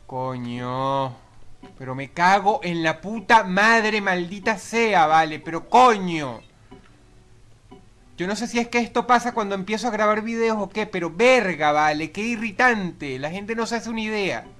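A man with a Venezuelan accent narrating his gameplay, swearing nonstop and shouting in frustration. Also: sits high, measured pace, soft background music. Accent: Venezuelan Spanish. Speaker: gamer. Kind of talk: raging gameplay commentary.

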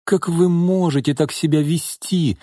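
A man voicing a calm, firm young woman who stands her ground coolly. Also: fairly high pitch, normal speed, breathy edge, no echo, studio quality, pitched above the performer's own voice. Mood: stern. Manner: cool, stern, composed.

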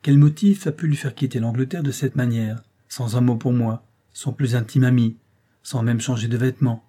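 A man voicing an earnest young gentleman lawyer in an audiobook, speaking gravely and with indignation. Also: medium pitch, steady tone, moderate pace, close to an everyday voice.

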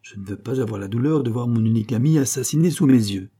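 A man voicing a bold sea captain who speaks in a steady, earnest, reassuring way in a storybook reading. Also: mid-range voice, quick pace, slightly rough. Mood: pleading.

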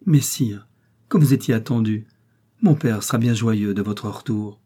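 A man reading the part of a young noblewoman in a historical romance audiobook, lifting his voice and speaking softly and pleadingly. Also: fairly low pitch, a little slow, breathy edge. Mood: tender. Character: young noblewoman, tender and trembling.

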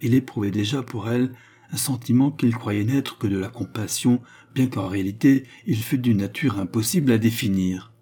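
A man narrating a novel as an audiobook in a measured, even reading. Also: medium pitch, breathy edge. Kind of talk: scripted narration.

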